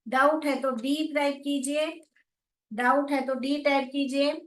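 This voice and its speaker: A woman teaching an online phonics class, repeating sounds slowly and coaxing her students. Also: sits high, little pitch movement, recorded from a distance. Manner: slow, repetitive, coaxing, calls students beta. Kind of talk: live class explanation to students. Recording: echoey room, voice off-mic.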